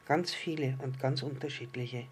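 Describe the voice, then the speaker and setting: A man voicing a patient, kindly island fish who calmly explains things in a storybook reading. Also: mid-range voice, moderate pace, a little hiss or hum, lightly acted. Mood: gentle. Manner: calm, explaining, gently teasing.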